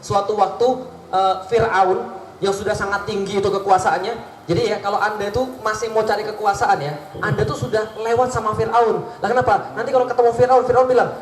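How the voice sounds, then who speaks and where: High-voiced male preacher in an echoey hall. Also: a little fast, slight background noise. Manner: lively, asks the audience questions, acts out dialogues. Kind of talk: Islamic sermon.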